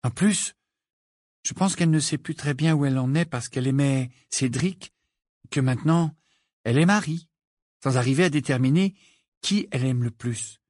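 A man voicing Hermione, a bossy, clever teenage girl who talks in a brisk, prim, lecturing way. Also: mid-range voice, a little mellow, no room sound, clean studio sound, pitched above the performer's own voice, natural voice.

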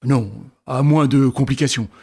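A man's voice: mid-range voice, fairly even intonation, normal speed, mellow, husky. A man doing a grumbling doctor. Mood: gruff. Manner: grumbling, matter-of-fact. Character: blunt male country doctor.

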